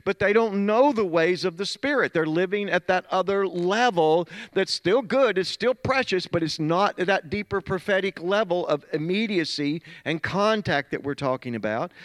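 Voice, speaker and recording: Earnest preaching man, dry sound. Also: no room sound. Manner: earnest storytelling preacher, drops to soft low tones in stories. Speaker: pastor. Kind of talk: sermon.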